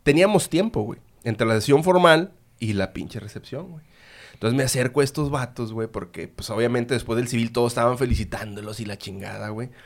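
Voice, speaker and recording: A man's voice: mid-range voice, fairly quick, creaky. A man with a Mexican accent hosting a podcast, telling a story in slangy, laugh-filled casual chat. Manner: animated, slangy, laughs often. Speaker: podcast host.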